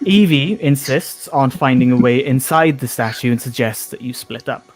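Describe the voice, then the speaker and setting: A man with a medium-pitched voice acts as game master. He narrates casually, improvising as he goes, with stops and restarts. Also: faint music behind. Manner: halting, improvised storytelling.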